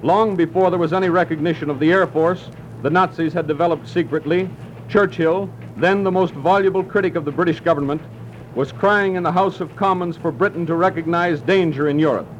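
A radio news announcer reads formal bulletins in a crisp, clipped, fairly quick manner, his pitch slightly raised. The audio has an old newsreel-style archival quality, muffled and dull, with a faint hiss running beneath it like an old radio recording.

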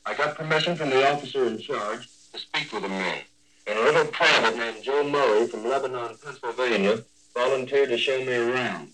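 A man working as a radio war correspondent, reading his scripted news report in a measured, descriptive way. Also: medium pitch, pushed and bright, slight background noise, rough recording.

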